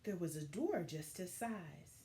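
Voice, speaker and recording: Reading a story aloud as a lesson for young children, a woman teacher uses a voice on the low side and lends her phrasing a deliberate, dramatic expressiveness.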